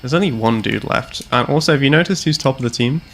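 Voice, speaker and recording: A man's voice: medium pitch, fast talker, creaky, a little hiss or hum. A young man in his twenties from Canada with a British accent, chatting and teasing his teammate while streaming a game. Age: 20s. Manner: playful, teasing, laughs often. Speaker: streamer host. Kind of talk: casual gaming chat.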